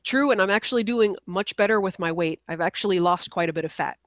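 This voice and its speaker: Speaking quickly at medium pitch, this American podcast co-host is congested from a cold during a casual chat. She keeps apologizing, pokes fun at herself, and laughs a lot; the audio is close and dry, without echo.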